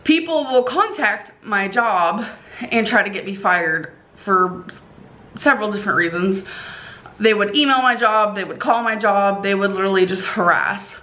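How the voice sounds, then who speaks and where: A woman's voice: medium pitch, moderate pace, sharp tone. A woman telling a casual, gossipy storytime vlog in a chatty, rambling way, sounding tired. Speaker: online video creator.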